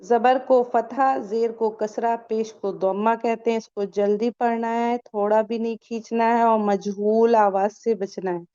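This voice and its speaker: Woman teaching a recitation class, kinda high voice, asks then answers her own questions, dull muffled audio. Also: fairly even intonation, few pauses, mellow, clear, resonant tone. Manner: quizzing, asks questions and answers them herself. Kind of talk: online tajweed class for women.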